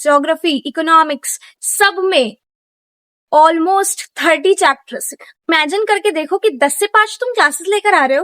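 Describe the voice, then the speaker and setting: A young woman with a strikingly high voice talks straight to her viewers in a chatty, advice-giving vlog. The recording is dry and close, with no room sound. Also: fairly bright tone, no room sound. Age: young adult. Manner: chatty, direct, addresses viewers informally. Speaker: student vlogger.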